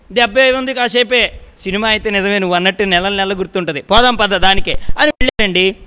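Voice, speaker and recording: High-voiced Telugu man telling a folksy sermon story. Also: sharp tone, in a large hall. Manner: folksy storytelling, acts out village dialogue, addresses listeners politely. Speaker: religious discourse speaker. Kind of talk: devotional storytelling discourse. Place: discourse hall.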